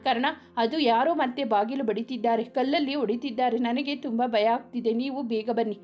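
A woman's voice: a little high, normal speed, a little mellow, faint music behind, close to an everyday voice. A woman voicing a frightened young woman in a storybook reading, speaking in an anxious, pleading way.

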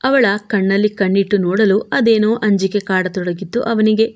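Warm-voiced woman storyteller. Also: mid-range voice, moderate pace. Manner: steady expressive narration. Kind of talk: reading a serialized romance story.

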